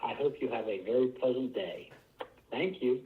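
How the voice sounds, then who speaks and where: A man's voice: medium pitch, normal speed. A man's recorded answering machine greeting, polite and formal, played over a phone line. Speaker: homeowner.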